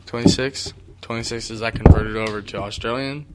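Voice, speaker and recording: A teenage boy co-hosting a casual chat show, teasing and excitable, often laughing. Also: mid-range voice, brisk, heavy background noise. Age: teens. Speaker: co-host.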